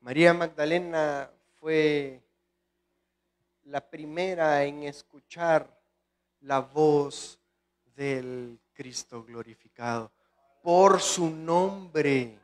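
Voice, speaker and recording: Drawing out his words in a slightly high voice, a Salvadoran-accented guest pastor preaches passionately. He often calls out to the congregation, his speech marked by Salvadoran Spanish.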